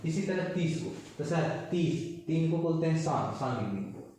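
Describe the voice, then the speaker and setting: A man's voice: on the high side, expressive, mellow. Man teaching in a very echoey room. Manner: asks the class and answers himself; repeats each word slowly. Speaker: Japanese language teacher. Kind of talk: classroom lesson. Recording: echoey, mic far off.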